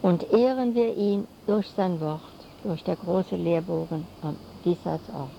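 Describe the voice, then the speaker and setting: An older woman delivers a solemn sermon at a deliberate, unhurried pace, her phrases now and then falling into rhyme. Her voice is mellow and gravelly. The recording is dull and lo-fi, with a faint hiss behind her. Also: fairly low pitch. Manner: solemn, slow preaching with rhyming phrases. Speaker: lay preacher. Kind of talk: sermon to a congregation.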